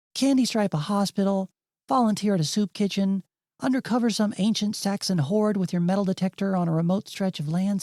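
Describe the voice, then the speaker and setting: A woman narrates a video game retrospective she hosts, reading a script in audiobook style and adding wry, dryly sarcastic asides. Her mid-range voice has a dark tone, with music underneath.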